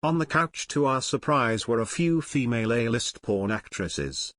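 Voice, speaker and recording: A man reading his own first-person memoir in a wry, deadpan storytelling manner. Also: mid-range voice, moderate pace, dry recording, studio quality. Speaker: narrator.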